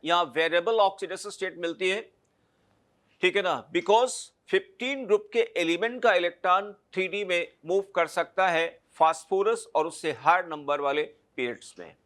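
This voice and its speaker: A man's voice: sits high, normal speed, fairly bright tone. A man teaching a chemistry lecture, explaining step by step and checking understanding with short tag questions. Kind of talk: classroom lecture.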